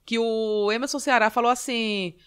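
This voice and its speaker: A woman from Northeast Brazil speaks with her Northeastern accent. She chats casually as a podcast guest, telling comic stories in an animated way and acting out the voices of the people in them. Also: a little high, moderate pace, clear, resonant tone. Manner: lively, animated storytelling with acted quotes. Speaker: stand-up comedian guest.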